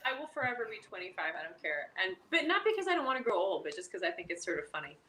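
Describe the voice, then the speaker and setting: Playful woman in her thirties, lively voice. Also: mid-range voice, very fast, crowd noise. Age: 30s. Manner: laughing, playful. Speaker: guest. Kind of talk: casual chat.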